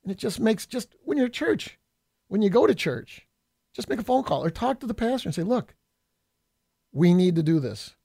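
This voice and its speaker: A man's voice: very high voice, lively intonation, brisk, vocal fry, darkish tone, slightly rough, no echo, clean studio sound. A middle-aged man from New York State, a state assemblyman hosting a political podcast, delivering a combative, folksy monologue and calling listeners folks.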